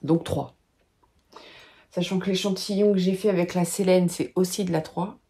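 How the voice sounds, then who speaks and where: Woman in her thirties, warm and relaxed, thinking aloud in a casual home vlog. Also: on the low side, normal speed. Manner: chatty, many filler sounds, thinks aloud. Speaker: knitting vlogger and pattern designer. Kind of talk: casual chat to camera. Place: home at a desk, lit by a lamp.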